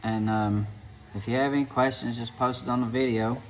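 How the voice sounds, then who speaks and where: A man's voice: medium pitch, steady tone, brisk, soft background music, low-quality recording. A man with an Appalachian hillbilly accent talks in a folksy, rambling way, like a mechanic giving a casual hands-on video tutorial.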